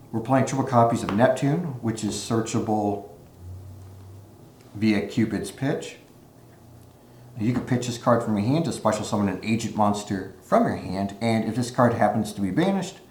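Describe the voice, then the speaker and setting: Male YouTuber, lowish voice, relaxed explainer with "uh" fillers; low-quality echoey room audio. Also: a little hiss or hum. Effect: low-quality audio without his usual mic. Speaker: card game YouTuber. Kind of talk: casual deck walkthrough. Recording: echoey room on a makeshift mic.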